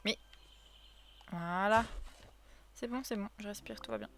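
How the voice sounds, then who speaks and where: In a medium, fairly bright voice with big pitch swings, a woman speaks a little slowly while streaming a cozy game, with a little hiss or hum in the background. Chatty and addressing her viewers, she counts items aloud and erupts in frustrated cries when something goes wrong.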